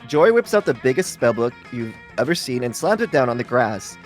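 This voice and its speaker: Guy reading out the narration in a group game stream, medium pitch, soft music behind. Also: big pitch swings, brisk.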